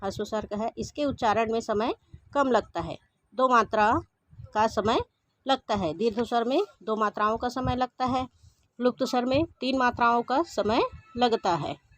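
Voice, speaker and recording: A woman teaching a Hindi grammar lesson, explaining each point slowly and restating it in simpler words. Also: a little high, dry recording. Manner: slow, methodical, repeats each point. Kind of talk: explaining grammar over slides.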